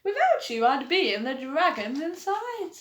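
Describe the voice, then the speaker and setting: A woman doing a kind, excitable witch. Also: high voice, unhurried. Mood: grateful. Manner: exclaiming, bursting cries. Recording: echoey room.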